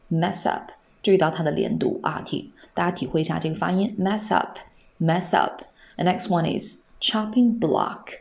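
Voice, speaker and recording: A woman with a low, gravelly voice teaches English on a podcast. She is patient, repeats each phrase slowly and asks her listeners questions. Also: a little mellow.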